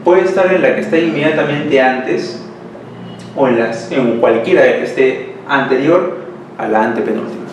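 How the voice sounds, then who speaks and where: Teacher in an echoey room. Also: male voice, medium pitch, moderate pace. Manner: explains step by step, checks in with "¿ya?". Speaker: language teacher. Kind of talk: classroom lesson at a board. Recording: echoey room, mic far off, faint hiss.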